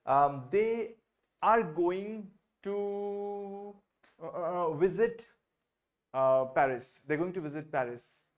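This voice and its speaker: This mid-range, lively voice belongs to a French teacher with an Indian English accent who teaches an online class via video call. Switching among English, Hindi and French, the teacher patiently repeats phrases slowly as drills.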